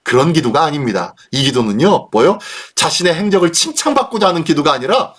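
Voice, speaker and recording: A male pastor preaching at a midweek Bible study, his voice set fairly high and swinging widely up and down. He asks questions and answers them himself, and he throws himself into the scolding lines he acts out. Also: lively intonation, a little fast, a bit bright, husky.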